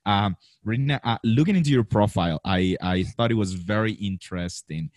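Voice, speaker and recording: Chatty low-voiced male podcast host. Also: a little fast, a little mellow, no echo, clean studio sound. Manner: chatty, many fillers and restarts. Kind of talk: live video-call interview. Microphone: video call.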